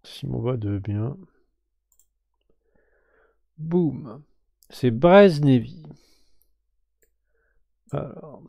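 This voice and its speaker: Slow, gravelly-voiced man streamer. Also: medium pitch, expressive, no echo, dull audio. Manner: slow, muttering to himself, with whispered asides. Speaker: game streamer. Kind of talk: live stream giveaway chat.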